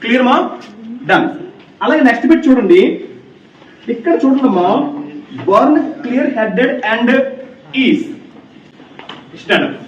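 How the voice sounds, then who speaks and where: A man's voice: very high voice, expressive, moderate pace, pauses often. A male English grammar teacher in a classroom, repeating key points and firing questions at his students. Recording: echoey, distant, dull classroom recording.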